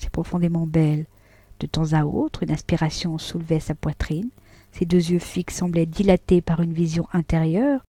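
A woman reading a classic novel aloud, measured and subdued in the narration. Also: lowish voice, warm tone, dry recording.

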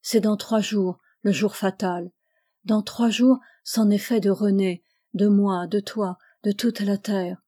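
A woman's voice: mid-range voice, steady tone, slow pace, mellow. A woman reading the lines of an anguished young male warrior in a novel audiobook, in a grieving, pleading manner.

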